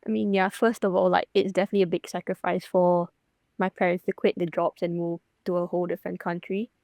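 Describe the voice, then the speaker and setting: Young woman with a low, dry voice. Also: level tone, fast talker, gravelly, mellow, dry recording. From Singapore. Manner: chatty, many fillers and restarts. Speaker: professional golfer. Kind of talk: casual interview.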